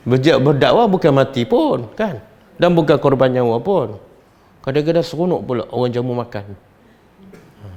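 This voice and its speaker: A middle-aged man with a Malaysian Malay accent, giving a religious study lecture and questioning his audience in an animated, teasing way. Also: medium pitch, moderate pace, pauses often. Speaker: religious teacher.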